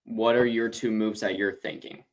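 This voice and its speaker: A man co-hosting a casual sports podcast, calmly steering the conversation. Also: on the low side, normal speed. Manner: calm, steering the talk back. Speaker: podcast co-host.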